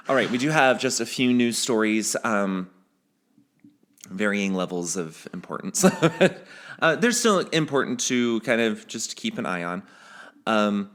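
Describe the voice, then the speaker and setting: A man with a fairly low voice co-hosts a relaxed podcast. He talks in loose, rambling sentences, restarts often and laughs easily as he chats with his co-host. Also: a little slow. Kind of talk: casual podcast chat.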